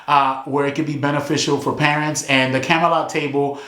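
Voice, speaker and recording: A man's voice: on the high side, little pitch movement, a little fast, bright, forceful tone. A man hosting a casual sit-down conversation. He speaks in an earnest, heartfelt way and often restarts his sentences. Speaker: host. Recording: echoey room.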